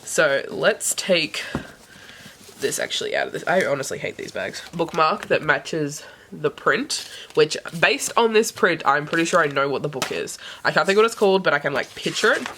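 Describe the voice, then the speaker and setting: A woman with a hoarse voice that is giving out from sickness, chatting casually and thinking aloud as she vlogs an unboxing. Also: low voice, expressive, moderate pace, a bit bright, slight background noise. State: hoarse, sick-sounding voice that is giving out. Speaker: book vlogger.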